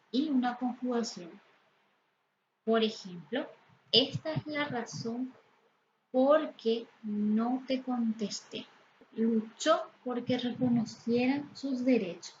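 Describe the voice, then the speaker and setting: A woman teacher explains grammar at a very slow, deliberate pace, pausing often. Her voice sits a little high. The recording is slightly dull and lo-fi, with a faint hiss behind her. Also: darkish tone. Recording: slightly dull, lo-fi sound with faint background noise.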